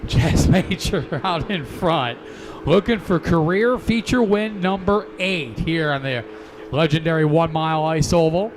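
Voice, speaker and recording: High-pitched man announcing live motorsport races. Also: measured pace. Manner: proclaiming track announcer delivery. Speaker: race announcer. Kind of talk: live motorsport race commentary. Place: broadcast booth at a racetrack. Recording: background noise at outdoor race.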